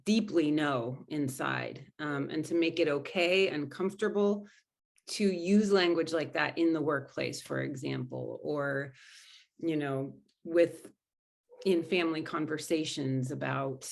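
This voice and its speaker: Low gravelly woman, spiritual coach guest, earnest and thoughtful, lots of restarts. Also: animated, unhurried. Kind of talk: conversational interview answers.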